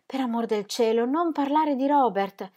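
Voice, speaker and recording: A woman's voice: a little high, sing-song, moderate pace. A woman reading aloud, voicing an irritable, impatient male painter who bursts out emphatically. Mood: exasperated. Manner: exasperated, emphatic outbursts.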